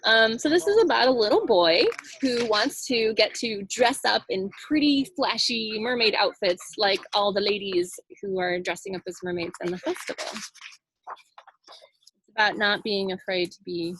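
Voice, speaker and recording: Medium-pitched and fairly bright, a woman's voice moves at a moderate pace through poor audio with a little hiss or hum. She runs a children's sign language storytime lesson featuring singing and read-aloud, demonstrating and explaining along the way.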